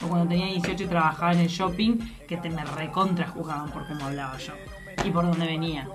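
A woman's voice: deep voice, fairly even intonation, fast talker, over music. A woman with a posh Montevideo accent and a nasal, upper-class way of talking, hosting casual radio studio chat. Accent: posh Montevideo Uruguayan. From Montevideo, Uruguay. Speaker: radio show host.

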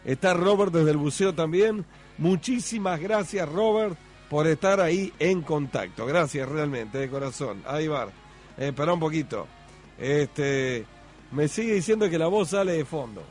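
A man's voice: on the high side, animated, a little slow, a little mellow, soft background music. A Uruguayan man hosting a morning radio show, chatting casually and greeting listeners by name. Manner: chatty, thanks listeners by name, fusses over sound levels.

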